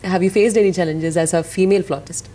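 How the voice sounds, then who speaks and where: Woman, slightly low pitch, casual interviewer, halting questions, noisy background. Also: steady tone, warm tone. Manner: halting, informal.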